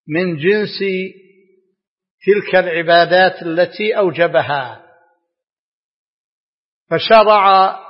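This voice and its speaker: A man giving a scripted religious lecture in formal standard Arabic, as a scholar, with measured, deliberate phrasing broken by pauses. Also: a little high. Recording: dull lo-fi, long hall reverb.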